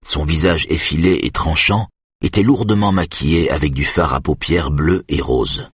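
A man narrating a novel in the first person, with a calm, measured delivery. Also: extremely low pitch, slightly rough, no room sound, clean studio sound. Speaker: audiobook narrator.

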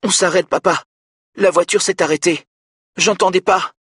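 A terrified young boy, trapped and pleading in a small, weak voice, as a man reading an audiobook puts him on. The tone is raised and bright with a husky edge, and it sounds close and dry. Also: fairly high pitch, fairly even intonation, normal speed, no room sound, pitched above the performer's own voice. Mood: frightened. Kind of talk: audiobook character voice.

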